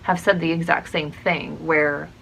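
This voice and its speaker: A young woman talking casually to her channel's viewers, musing out loud with many pauses and restarts. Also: low voice, fairly even intonation, creaky, a little hiss or hum, rough recording. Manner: musing, hesitant, frequent ums and restarts. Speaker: channel host. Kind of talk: casual talk to camera.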